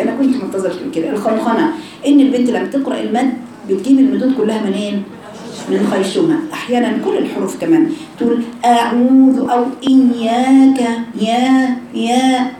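A woman's voice: mid-range voice, mellow. A woman with an Egyptian Arabic accent teaching Quran recitation to a class of girls, repeating sounds over and over and quizzing her students. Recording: echoey room, voice far from the mic.

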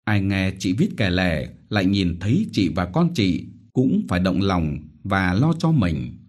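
Man, audiobook narrator, novel reading, husky, lively intonation, dramatic. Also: low voice, unhurried. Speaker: audiobook reader.

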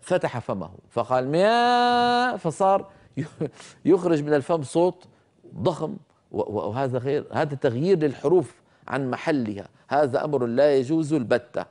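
A man teaching Quran recitation rules, explaining carefully and demonstrating sounds slowly, sometimes scolding common mistakes. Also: medium pitch, expressive, mellow. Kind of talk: tajweed lesson with spoken demonstrations.

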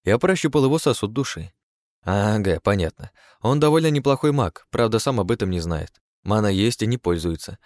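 A man's voice: lowish voice, animated, brisk, a little mellow, no echo, studio quality. A man narrating a first-person fantasy audiobook, with wry, sardonic asides.

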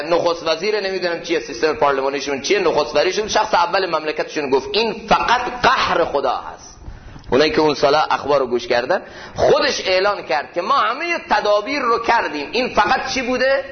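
A man with a somewhat high voice gives a mosque sermon, moving between lively stories and slow, weighty emphasis. The recording sounds dull and lo-fi. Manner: storytelling, slows down to stress points. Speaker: preacher teaching classical poetry.

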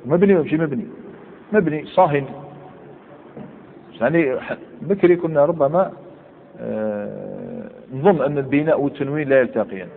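A man teaching a classroom grammar lesson, explaining step by step and quizzing his students with short questions. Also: on the high side. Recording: phone-like tinny recording with long hall reverb and faint hiss.

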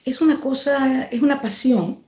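Woman painter from ecuador, mellow voice, earnest and thoughtful, roomy echo. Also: high voice, moderate pace. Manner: earnest, reflective, with restarts and emphatic repetition. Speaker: painter, interviewee. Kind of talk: conversational interview. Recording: echoey room.

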